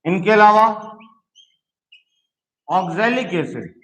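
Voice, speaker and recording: A man's voice: high voice, expressive, slow, a bit bright, low-quality recording. A man teaching a chemistry lesson, explaining step by step and often checking in with his students. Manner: explains patiently, checks in with "ठीक है". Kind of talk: classroom lecture.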